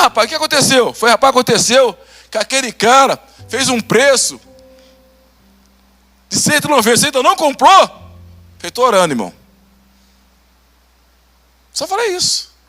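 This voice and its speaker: A Brazilian pastor preaching a testimony sermon, acting out conversations and laughing as he tells it. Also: very high-pitched. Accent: Brazilian Portuguese. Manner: animated, acts out dialogue, laughs.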